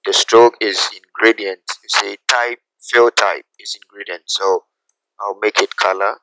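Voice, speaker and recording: A man teaching a graphic design software tutorial, talking through each step slowly and checking in with "okay?" as he goes. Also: lowish voice, steady tone, noisy background. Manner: unhurried, repeats steps, asks "okay?" often. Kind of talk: screen-recorded software tutorial.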